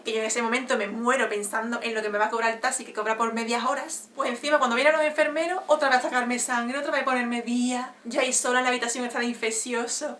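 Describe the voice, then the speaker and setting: Fast-talking young woman from Spain. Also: on the high side. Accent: Spain Spanish. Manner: animated, expressive retelling with laughs. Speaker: vlogger. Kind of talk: casual storytelling vlog. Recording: echoey room with faint ambient noise.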